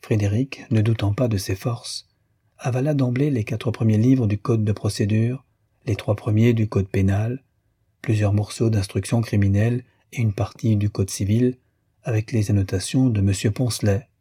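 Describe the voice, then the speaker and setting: A man reading a classic novel aloud in a measured, even storytelling manner. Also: on the low side, breathy edge, dry recording, studio quality. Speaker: audiobook narrator. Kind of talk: scripted literary narration.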